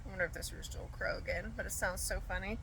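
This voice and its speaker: A woman's voice: mid-range voice, fairly even intonation, rapid-fire, a bit bright, low-quality recording. A congested woman, under the weather, chatting casually and getting sidetracked as she shows her chickens outdoors. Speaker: homesteading vlogger. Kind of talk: casual chat to camera. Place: backyard by chicken coops, outdoors. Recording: outdoor noise with clucking chickens and roosters. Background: chickens and roosters.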